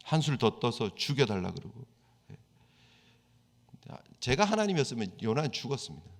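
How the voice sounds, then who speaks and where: A man's voice: medium pitch, very animated, moderate pace. A male pastor preaching a sermon in a conversational style. He acts out the quoted prayers and complaints of the people he describes. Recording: church hall reverb.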